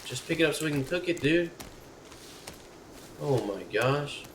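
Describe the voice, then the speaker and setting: This male streamer has a fairly high, expressive voice and an unhurried pace as he commentates live gameplay. He talks to his in-game companion and lets out yelps and curses when something jumps out, all picked up by a distant mic in a noisy, echoing room.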